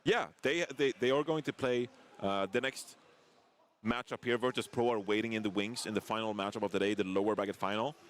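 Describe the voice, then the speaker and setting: A man's voice: on the low side, a little fast, slight background noise. A man casting a professional esports match, giving analytical play-by-play and joking with his co-caster. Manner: energetic, analytical play-by-play with banter. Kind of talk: esports commentary.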